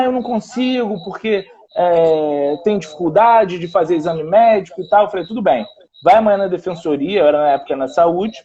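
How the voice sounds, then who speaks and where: A man's voice: a little high, dark tone, lo-fi sound. A man, a public defender telling a story in a live panel talk and quoting others in dialogue.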